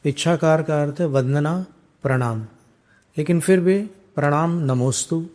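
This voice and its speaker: Slow, mellow-voiced monk giving a sermon. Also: male voice, on the high side. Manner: drawn-out chanting of prayers, then calm explanatory teaching. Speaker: Jain monk giving a discourse. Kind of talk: devotional chanting then scriptural sermon.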